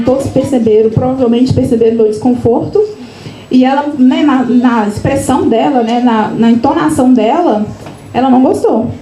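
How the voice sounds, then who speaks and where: A woman from Minas Gerais, Brazil, chats with a live audience while launching her book, sharing personal stories informally. Her high, mellow voice carries through an echoey event room with a faint background hum. She restarts sentences frequently and keeps tacking on small tag questions.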